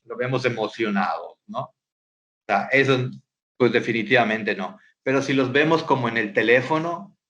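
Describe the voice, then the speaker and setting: A man's voice: mid-range voice, moderate pace, fairly bright tone. A man, a school psychologist giving a webinar presentation, hesitant and often repeating words and checking in with rhetorical questions.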